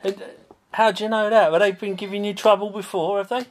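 A man's voice: high-pitched, level tone, fairly quick. A man with a chatty, playful manner, playing as a player in a tabletop game.

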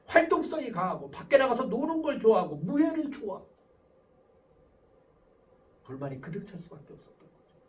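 A man's voice: high voice, sing-song, a little fast, pauses often, darkish tone, recorded from a distance, rough recording. A man lecturing to parents, asking questions and answering them himself. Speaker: professor giving a parenting lecture.

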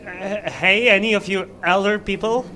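A man's voice: sits high, fairly even intonation, normal speed, bright, forceful tone. A man voicing an overdramatic, unemployed teenage girl who complains at the tabletop game table. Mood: complaining. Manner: complaining, whiny.

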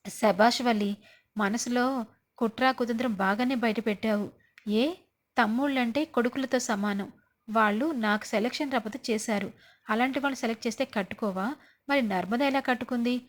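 A woman's voice: on the high side, normal speed. A woman casually recapping a TV serial episode, acting out the characters' lines as she goes. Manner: lively, acts out characters' lines.

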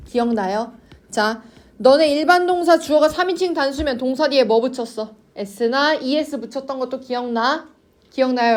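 A woman teaching an English grammar class, coaxing her students and checking in with them constantly. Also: sits high. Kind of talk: online class lecture to students.

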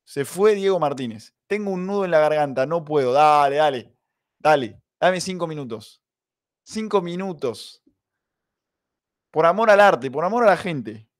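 Brief: young Argentine male streamer, chatty and casual, somewhat high voice. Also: animated, moderate pace. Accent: Argentine Spanish. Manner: chatty, reads chat aloud, joking. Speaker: streamer and host. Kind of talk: live football reaction stream.

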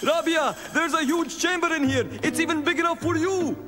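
A man's voice: extremely high pitch, normal speed. A man voicing a learned, cautious male mouse guide in a cartoon. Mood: curious. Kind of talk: cartoon voice acting.

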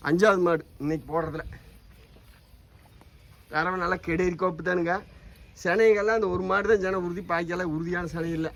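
A man's voice: high-pitched, steady tone, fairly quick, long pauses, fairly bright tone. A man with a Tamil Nadu accent giving an informal sales walk-through as a cattle seller outdoors on a farm.

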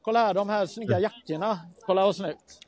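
A man calling in a live report from outdoors on a city street, talking casually with lots of fillers and pauses. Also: high voice, darkish tone. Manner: halting, many fillers.

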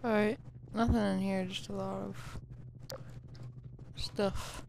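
A woman's voice: mid-range voice, level tone, slow, gravelly, a little mellow, slight background noise. A woman giving let's play commentary, jumpy and swearing when startled. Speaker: gamer.

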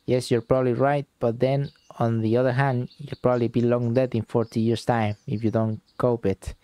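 A man's voice: mid-range voice, level tone, normal speed, warm tone, clear, resonant tone, no room sound, natural voice. A man voicing an arrogant, spoiled boy duke while reading game dialogue aloud, in a pompous, commanding, insulting manner. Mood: haughty.

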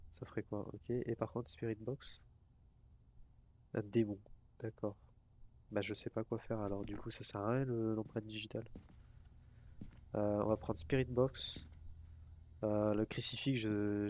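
A man's voice: medium pitch, a little mellow. Chatty man narrating his gameplay. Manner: chatty, talks to himself and to the ghost, swears casually. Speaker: gamer. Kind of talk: casual let's-play commentary.

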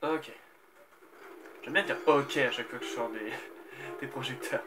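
A man's voice: mid-range voice, unhurried, background noise. A young man from France giving rambling, casual let's play commentary, swearing now and then. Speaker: gamer. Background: video game music.

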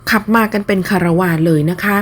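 A woman narrating online news in a scripted, polite, steady read-aloud manner with soft sentence endings. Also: quick pace.

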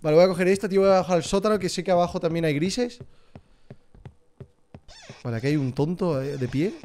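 A man's voice: sits high, fairly quick, darkish tone, a little hiss or hum. A young man with a Spain Spanish accent, jumpy and swearing while commenting live on a horror game for his chat. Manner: profane, jumpy, talks to chat. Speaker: streamer.

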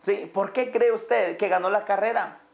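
A man telling a parable to his audience, often speaking to them directly and pausing on hesitant fillers. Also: high-pitched, steady tone, creaky, lo-fi sound. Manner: addresses listeners directly, many hesitant fillers. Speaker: motivational business speaker.

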